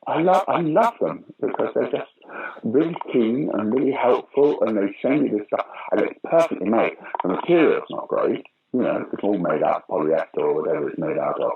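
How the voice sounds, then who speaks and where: A gravelly, fairly low-pitched voice swings widely in pitch as this older British actor and pantomime director talks fairly quickly. He is in a casual interview, recounting anecdotes and voicing the characters he quotes. Faint noise runs under the dull, lo-fi recording.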